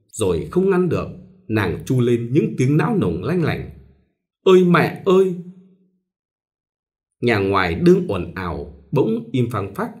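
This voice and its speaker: Expressive man narrating a novel. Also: mid-range voice. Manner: expressive storytelling. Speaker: audiobook narrator.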